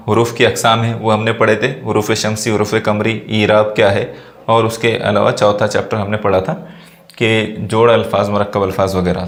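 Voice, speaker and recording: A man's voice: medium pitch, fairly bright tone. Man teaching in an echoey room. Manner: explains step by step, asks and answers his own questions. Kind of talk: screen-recorded exam walkthrough. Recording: roomy echo.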